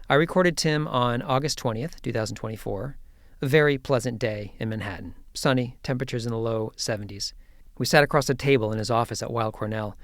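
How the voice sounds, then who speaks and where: A man hosting a podcast, reading a measured introduction and then asking interview questions in an office. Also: mid-range voice, dry recording, studio quality. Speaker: podcast host. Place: office with air conditioning hum.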